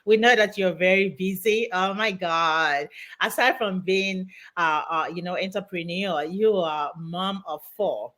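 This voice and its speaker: A woman co-hosting a podcast, speaking in an affirming, expressive way. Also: lowish voice. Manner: warm, affirming, slow and expressive. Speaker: podcast co-host. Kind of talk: casual podcast chat.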